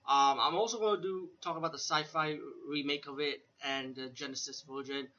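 A man with a fairly high, bright, forceful voice hosts a horror film retrospective review, talking a little fast with fairly even intonation. The unscripted video is casual, rambling and repetitive, with some swearing and frequent "you know"s. The dull, lo-fi recording picks up an air conditioner fan running nearby.

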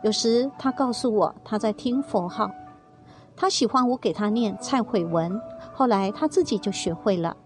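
A woman's voice: mid-range voice, moderate pace, soft background music. A woman reading a first-person testimony aloud in a tender, earnest storytelling manner.

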